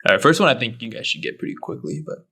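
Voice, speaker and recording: Young guy cohosting a podcast, chill, keeps cracking up, normal pitch. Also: racing, vocal fry, pushed and bright, husky. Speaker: podcast co-host running a lyric game. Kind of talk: casual chat.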